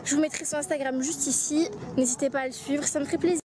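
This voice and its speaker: A woman's voice: high voice, fairly even intonation, fast, noisy background. A young woman vlogging her day, chatting straight to her viewers and sometimes dropping to a whisper. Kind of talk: casual day-in-the-life vlog. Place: outdoors and at home, moving through the day.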